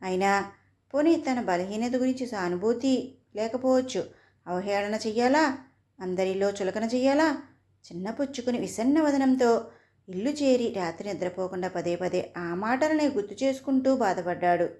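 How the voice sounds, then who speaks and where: A woman narrating a family story in a steady, expressive reading. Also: mid-range voice, normal speed.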